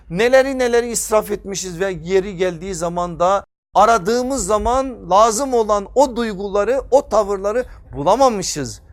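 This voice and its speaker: A man delivering a sermon at a pulpit microphone as a preacher, emphatic, repeating phrases and posing rhetorical questions that he answers himself. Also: high-pitched.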